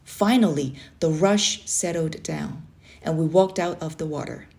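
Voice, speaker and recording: Une femme qui lit à voix haute un livre pour enfants, avec une lecture expressive et animée. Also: female voice, low voice, a little slow. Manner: expressive, animated reading with dramatic swells. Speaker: children's book reader. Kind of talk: read-aloud storytelling.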